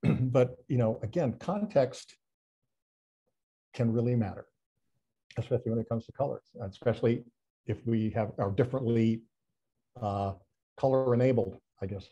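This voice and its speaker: A man with a husky, mellow voice talks through a presentation over a video call. His delivery is chatty and self-deprecating, full of restarts and little fillers as he thinks aloud. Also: mid-range voice, highs cut off. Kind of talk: casual online talk presentation.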